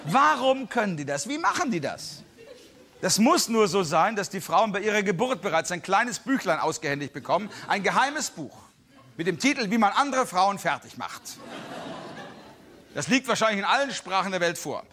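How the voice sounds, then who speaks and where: A man's voice: high-pitched, very animated, normal speed, pushed and bright, a little hiss or hum. A man telling a comic story in a live stand-up monologue, acting out the other people in it and making buzzing noises. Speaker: stand-up comedian. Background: audience laughter.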